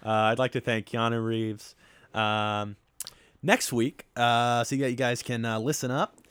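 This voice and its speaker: A man's voice: mid-range voice, flat delivery, measured pace, fairly bright tone, clear, resonant tone, dry recording. Male podcast co-host, mid-range voice, rambling, laughs a lot. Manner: laughs often, rambling with many ums and uhs. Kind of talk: casual movie-review podcast chat.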